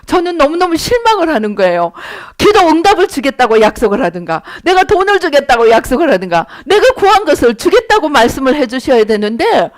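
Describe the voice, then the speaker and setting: Middle-aged woman pastor, high voice, animated testimony-style sermon that acts out her prayers. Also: a little fast, hardly any pauses. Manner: animated storytelling, acting out prayers.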